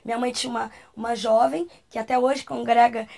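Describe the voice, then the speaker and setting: High, gravelly Brazilian woman telling a testimony. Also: flat delivery, a little fast, a little mellow. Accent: Brazilian Portuguese. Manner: emotional, acts out quoted voices. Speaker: talk show guest. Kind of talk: personal testimony storytelling.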